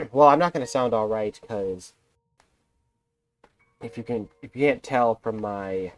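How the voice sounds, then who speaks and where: This young man, a game streamer, speaks in an unhurried mid-range voice into his headset mic during a livestream. Still sounding a bit off from being sick, he rambles casually and makes self-deprecating remarks.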